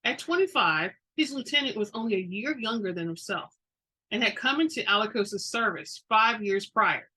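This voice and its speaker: Woman, bright forceful voice, middle pitch, dramatic story reading, informal narrator. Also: expressive, normal speed, husky, rough recording. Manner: informal asides, stumbles over words. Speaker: reader of a romance fantasy novel.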